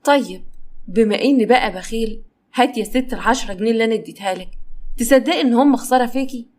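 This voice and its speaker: A woman's voice: on the high side, fast, a little mellow, lightly acted. A woman with an Egyptian accent voicing a stingy, lazy young husband who teases in a sly, mocking way.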